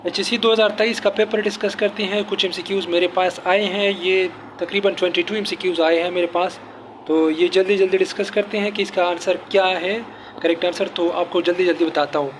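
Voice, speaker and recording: A man teaching as an exam-prep tutor, going quickly through test answers with repeated explanations and fillers. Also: high voice, fairly even intonation, slight background noise. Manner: rapid, repetitive explaining with fillers.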